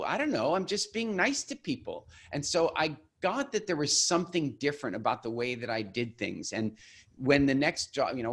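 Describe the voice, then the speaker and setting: A man in his forties telling his life story as an interview guest, animated and full of restarts, acting out quoted voices. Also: on the low side. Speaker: guest, business founder.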